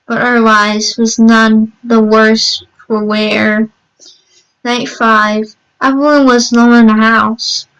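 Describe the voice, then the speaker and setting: A woman narrating a scripted horror story, reading haltingly and often repeating words as she goes. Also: on the high side, smooth, dull audio.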